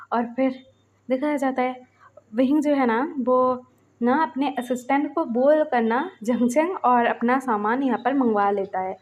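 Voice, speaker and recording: A woman's voice: fairly high pitch, a little mellow. A woman casually retelling a fan fiction story in a chatty way, introducing each quote with "and he says that". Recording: muffled lo-fi audio.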